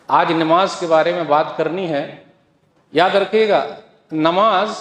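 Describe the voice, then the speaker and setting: A man preaching a Friday sermon, exhorting the listeners with rhetorical questions and quoted scripture. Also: high-pitched. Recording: echoey hall with long reverb.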